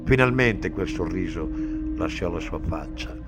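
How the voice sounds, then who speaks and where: A man narrates a bleak story in a slow, somber way. His voice sits fairly low in pitch. Music plays clearly behind the reading. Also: expressive. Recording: music bed under the reading. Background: music underneath.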